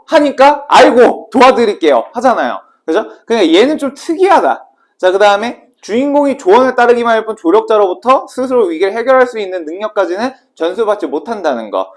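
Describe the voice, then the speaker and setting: A male Korean literature teacher giving a casual exam prep lecture, quizzing his students and then answering his own questions. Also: high-pitched. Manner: brisk and casual, asking students questions and answering them himself.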